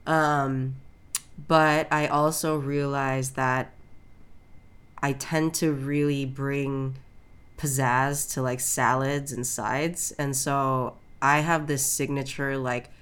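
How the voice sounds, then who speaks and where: A young woman co-hosting a casual chat, telling stories in an animated way and getting loud when riled. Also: extremely low pitch, slow pace, smooth. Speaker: podcast co-host.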